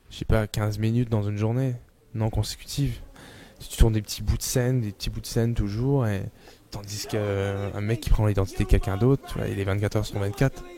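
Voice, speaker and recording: A man, an actor talking in a relaxed, slangy interview manner. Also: fairly low pitch, gravelly.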